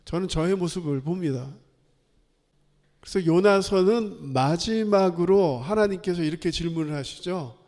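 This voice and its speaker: A man preaching a sermon as pastor, animated, acting out quoted voices and laughing often. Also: on the high side. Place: church sanctuary. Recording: long hall reverb.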